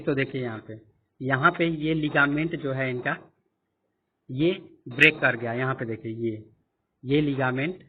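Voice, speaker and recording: A man teaching a class lecture, explaining each point slowly and repeating questions to the students. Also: mid-range voice. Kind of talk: classroom lecture with screen annotation. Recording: tinny phone-like audio.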